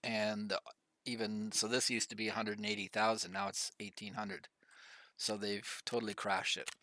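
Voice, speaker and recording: Man, middle-aged, slightly coughy, bright forceful voice, low-ish pitch, rambling casual game commentary. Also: flat delivery, moderate pace, slight background noise. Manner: rambling, many fillers, coughing now and then. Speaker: gaming YouTuber.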